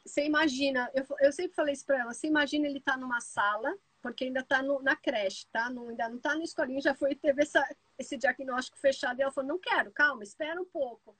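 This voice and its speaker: High pitched brazilian lady hosting a live, dry sound, rambles fast with lots of asides. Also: dry recording, low-quality recording. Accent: Brazilian Portuguese. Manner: lively storyteller, talks fast with many asides. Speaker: live stream host. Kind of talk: casual live chat.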